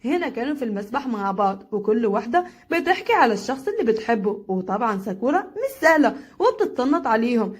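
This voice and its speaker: Woman, Egyptian accent, anime recap narrator, chatty, high voice, very fast. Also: big pitch swings, husky. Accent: Egyptian Arabic. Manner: chatty, rapid. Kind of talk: casual storytelling recap.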